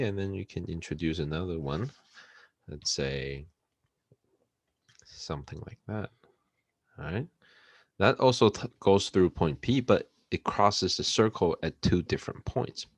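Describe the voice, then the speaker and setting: Slow, deep-voiced man teaching math. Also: no echo. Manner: unhurried, many "uh" fillers and "right?" checks. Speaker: math instructor. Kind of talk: recorded lecture.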